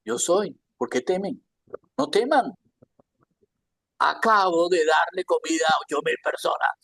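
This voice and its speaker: A man doing a calm, patient Jesus. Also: a little high, unhurried, creaky, no echo, exaggerated voice. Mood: reassuring. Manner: casual, gently exasperated reassurance.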